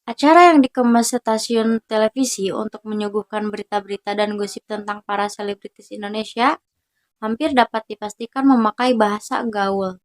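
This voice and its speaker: A young woman student reading her part of a group class presentation aloud, steady and careful, pausing between list items. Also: mid-range voice.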